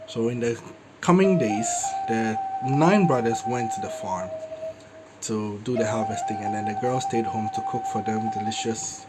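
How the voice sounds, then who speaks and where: A man's voice: mid-range voice, wildly swooping pitch, moderate pace, very noisy. A man casually retelling a folk tale in a conversational, filler-laden way. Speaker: storyteller. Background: loud flute music.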